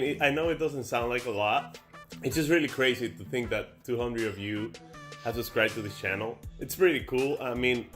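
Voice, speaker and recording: A young Dominican YouTuber with a mid-range, fairly bright voice sits and chats casually to the camera. His Dominican Spanish accent comes through as he rambles, full of fillers and restarts.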